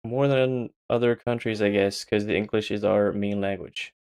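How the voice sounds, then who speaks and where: A man's voice: on the low side, fairly even intonation, normal speed, a little mellow, clean tone, no echo, studio quality. A young man from Sweden, chatting casually and swearing often while streaming a game. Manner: swears a lot and laughs at his own jokes. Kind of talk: casual gaming stream chat.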